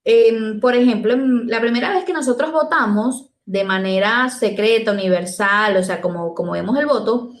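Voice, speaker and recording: A woman from Venezuela with a Caribbean Spanish accent gives an informal slide lecture in a conversational, halting way, often repeating words as she thinks aloud. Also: fairly high pitch. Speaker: presenter giving an online talk. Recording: echoey, roomy sound.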